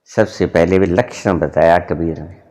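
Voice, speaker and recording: A middle-aged man giving a spiritual discourse, deliberate and emphatic, his voice rising and dropping sharply to make a point. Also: sits low, steady tone, a little mellow. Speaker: spiritual teacher.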